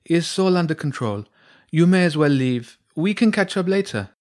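A man's voice: fairly high pitch, lively intonation, normal speed, a little mellow, pitched above the performer's own voice, natural voice. A man doing a small firm French girl. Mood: uneasy. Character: small French girl, uneasy but commanding.

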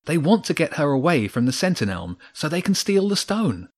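A man's voice: mid-range voice, huge pitch swings, normal speed, voice pushed up. A man voicing a bold, worried schoolgirl in a children's story. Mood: urgent.

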